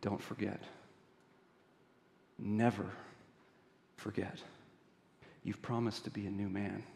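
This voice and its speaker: A man voicing a merciful older bishop in a retold story, speaking softly and solemnly. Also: very animated, moderate pace, a little hiss or hum. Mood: hushed, solemn. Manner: soft, low and solemn. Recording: long reverb of a large hall.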